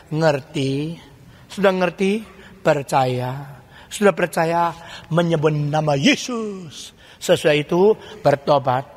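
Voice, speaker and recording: An older male pastor with an Indonesian accent, preaching a sermon full of rhetorical questions, mock dialogues and colloquial asides. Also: fairly high pitch. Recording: long hall reverb.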